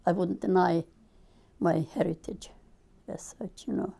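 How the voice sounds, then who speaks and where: A woman from Hungary giving a relaxed, chatty personal interview. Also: fairly low pitch, measured pace, vocal fry, husky. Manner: relaxed, chatty with frequent "you know".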